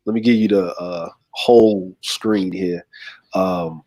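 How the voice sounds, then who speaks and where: A man's voice: sits low, steady tone, takes it slowly, darkish tone. Easygoing man rambling with fillers. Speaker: livestream host. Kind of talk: casual livestream chat.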